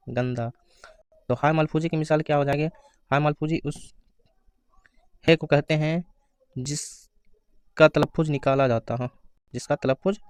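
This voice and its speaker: A man giving an exam-prep grammar lesson, asking questions and answering them himself, reading out the answer options slowly. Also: fairly high pitch, clean tone, dry recording, clean studio sound. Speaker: teacher.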